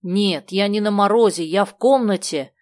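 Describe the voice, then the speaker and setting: Here a woman voices a joking, cheerful foreign-born man who has a slight Italian accent and loves jokey sayings, all in a playful mood. Her medium-pitched, darkish voice is pushed up a little but stays close to everyday speech, at a moderate pace. It's studio quality with no room sound.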